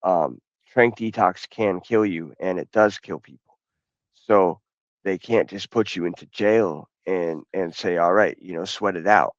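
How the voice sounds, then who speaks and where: A middle-aged man answers as a podcast guest, thinking things through in a calm, measured way. His voice sits low, and the recording is dry with a slightly muffled, dull tone. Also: dry recording. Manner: measured, reflective, some restarts. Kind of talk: podcast interview.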